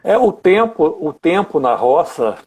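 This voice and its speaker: Um homem com sotaque brasileiro conduzindo uma conversa informal, refletindo em voz alta com hesitações. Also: male voice, fairly high pitch, sing-song, measured pace, darkish tone, breathy edge. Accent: Brazilian. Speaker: interviewer. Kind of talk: casual conversation.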